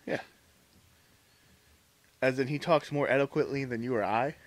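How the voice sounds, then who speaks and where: A man's voice: medium pitch, moderate pace, dry recording. A man co-hosting a podcast in casual chat, swearing often and trading jokes with his friends. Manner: profane, joking banter. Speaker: podcast co-host.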